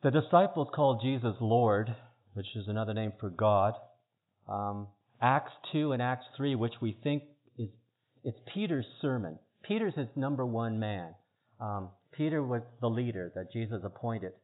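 A man's voice: medium pitch, animated, moderate pace. A man explaining a religious argument in earnest, casual talk, stressing key words and often repeating himself. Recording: tinny phone-like line.

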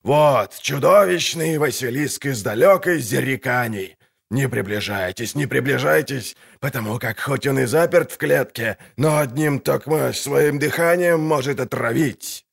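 Male narrator doing a boastful pockmarked showman, gravelly and barking, for a storybook reading. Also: medium pitch, unhurried, voice pushed up. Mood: hawking. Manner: barking, folksy huckster patter. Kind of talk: audiobook character voice.

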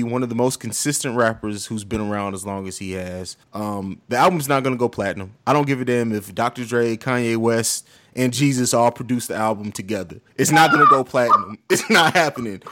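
A man's voice: medium pitch, fairly bright tone. A man co-hosting a casual podcast, laying out his opinions at length. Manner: opinionated, lays out arguments at length. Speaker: podcast co-host. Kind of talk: casual chat.

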